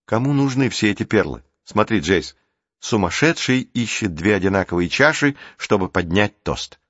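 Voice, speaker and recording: A man's voice: fairly low pitch, lively intonation, normal speed, fairly bright tone, dry recording. A man reading the part of a sceptical teenage boy who grumbles and teases, in a dry, dull recording. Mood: grumbling. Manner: grumbling, teasing.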